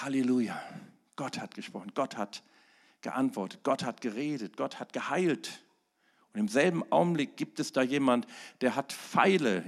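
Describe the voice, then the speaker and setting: A middle-aged male pastor preaching a sermon, swinging between emphatic loud peaks and quiet asides. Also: medium pitch, vocal fry.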